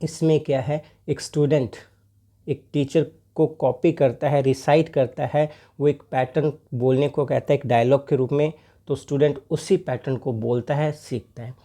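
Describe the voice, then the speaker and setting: A teacher giving an exam-prep lecture, reading English lines slowly and explaining them in Hindi while asking and answering rhetorical questions. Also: mid-range voice, fairly even intonation, dark tone.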